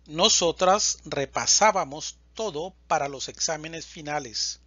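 Man, Spanish teacher, very slow verb drills, breathy edge, dull lo-fi recording. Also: a little high, bright, forceful tone, dry recording. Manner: deliberate, evenly spaced reading of word lists.

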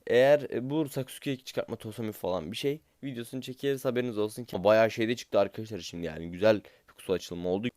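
A man's voice: lowish voice, fast talker, hardly any pauses, darkish tone, dry recording, studio quality. A young man from Turkey doing gaming commentary, impatient and swearing at the game as he opens loot boxes. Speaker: gaming YouTuber.

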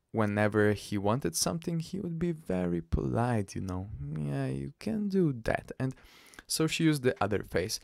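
A man hosting a podcast, telling a personal story in a halting, casual way with restarts and soft laughs. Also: medium pitch, gravelly, dry recording, studio quality. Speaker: podcast host.

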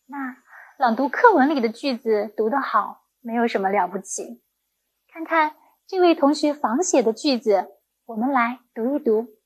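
A woman's voice: a little high, moderate pace, slightly rough. A woman primary school teacher giving a recorded lesson to young children, speaking in a patient, encouraging way.

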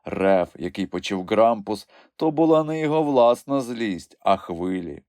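A man narrating a children's audiobook in an expressive storytelling manner. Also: fairly low pitch, a little slow, no room sound, clean studio sound. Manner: expressive storytelling with lively swings. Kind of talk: scripted narration.

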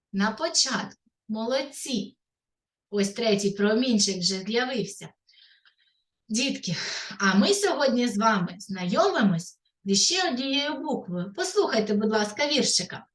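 Woman, kindergarten teacher, fairly high voice, echoey room, off-mic. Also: expressive, a bit bright, distant mic. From Ukraine. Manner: slow, sing-song, addresses children. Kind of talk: literacy lesson for young children. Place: kindergarten classroom.

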